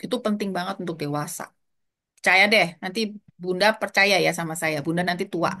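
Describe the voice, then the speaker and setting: Woman, older, Jakarta accent, casual advice talk, lively anecdotes, bright tone. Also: on the low side, fast talker. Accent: Jakarta colloquial Indonesian. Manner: lively storytelling with quoted asides.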